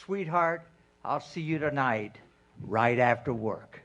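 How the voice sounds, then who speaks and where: A man's voice: medium pitch, animated, slow, fairly bright tone, lo-fi sound. A man playing a cheerful, smug husband with a hearty, sweet-talking delivery, in a comic radio commercial.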